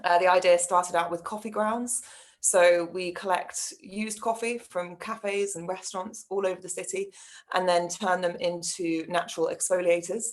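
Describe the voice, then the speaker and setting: A woman co-founder giving an introductory business pitch as a panelist. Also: steady tone, normal speed.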